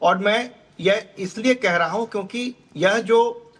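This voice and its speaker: A man's voice: high voice, measured pace, fairly bright tone, husky. A man speaking as a party spokesperson on a TV news panel, formal and ceremonious in his wording. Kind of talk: formal political statement.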